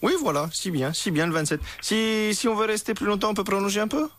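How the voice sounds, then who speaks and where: A man's voice: high-pitched, very animated, moderate pace, a bit bright, pitched above the performer's own voice, exaggerated voice. A man putting on a fake foreign accent and broken French, playing a dictator's valet in a prank phone call. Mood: pushy. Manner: broken French, pushy, unbothered.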